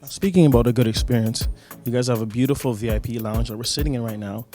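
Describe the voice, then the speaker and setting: Male travel-show host, conversational presenter delivery, extremely quick pace, background music. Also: medium pitch, dark tone. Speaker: TV host, interviewer. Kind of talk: on-location TV interview. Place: airport VIP lounge.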